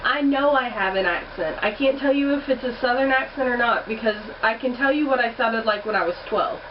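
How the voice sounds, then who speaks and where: A young woman vlogger chats bluntly in a casual accent challenge vlog, swearing now and then. Her voice is on the high side and brisk. The home recording sounds distant and muffled, with heater noise.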